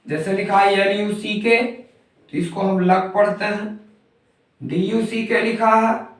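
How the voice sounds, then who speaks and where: A man teaching a phonics lesson, going patiently through example words and saying each one more than once. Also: high voice. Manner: slow, patient, repeats each example word. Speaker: English teacher. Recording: very echoey room, mic far off.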